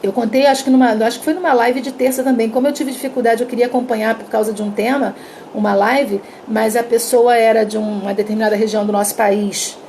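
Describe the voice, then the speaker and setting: A woman with a Brazilian Portuguese accent teaching communication in a live online class, her throat dry, in a lively manner that acts out little sample dialogues. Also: fairly high pitch, quick pace, slight background noise. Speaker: communication coach.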